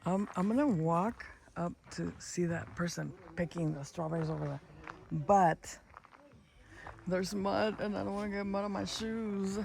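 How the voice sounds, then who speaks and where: A woman with a mid-range voice and vocal fry speaks at a measured pace while vlogging outdoors in strawberry fields with a handheld phone. Her casual narration is chatty and rambling, switching into Spanish, with background noise audible.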